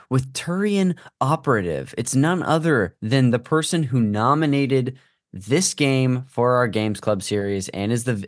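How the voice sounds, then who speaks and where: A man's voice: mid-range voice, dry recording, clean studio sound. A man hosting a podcast with casual, rambling banter and playfully overblown introductions. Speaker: podcast host.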